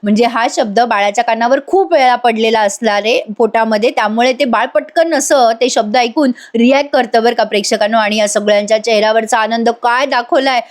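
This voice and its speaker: Woman reviewer, voice-over recap, high voice, gushing to viewers. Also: a little fast, few pauses. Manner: enthusiastic, addresses viewers directly. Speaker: TV serial reviewer.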